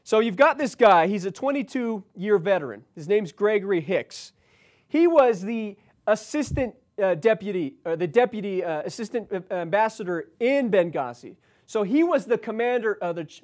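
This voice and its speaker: This American man, who sounds about forty-something, has an unusually high-pitched voice and talks politics from behind a desk in an indoor studio. Between news items he reads out, he drifts into forceful, stumbling digressions and tends to say things more than once.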